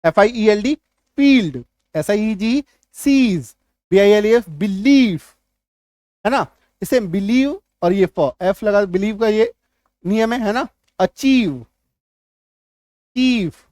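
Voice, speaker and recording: A man's voice: sits high, lively intonation, takes it slowly, long pauses, a little mellow, no echo, clean studio sound. A man, teaching English spelling rules at a whiteboard. He spells words out letter by letter, checks often whether students follow, and answers his own questions. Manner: repeats key points as questions and answers them. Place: classroom at a whiteboard.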